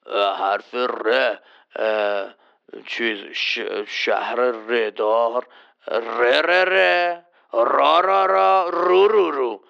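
A performer voicing a gruff, boastful man in a children's quiz skit, bossy and quick to threaten the host. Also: medium pitch, fairly bright tone, lo-fi sound. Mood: cocky. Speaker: quiz contestant.

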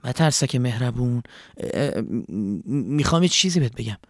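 A man voicing a small, timid, eager swallow bird in a children's story, with a high, chirpy, strained voice. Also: expressive, no room sound, studio quality. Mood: shy. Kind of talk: storybook voice acting.

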